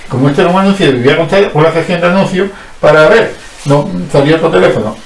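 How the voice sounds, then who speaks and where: A man's voice: fairly high pitch, fast, creaky, recorded from a distance. A man as a guest in a casual radio-style conversation, explaining at length in a rambling way with many restarts. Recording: roomy sound from off-mic.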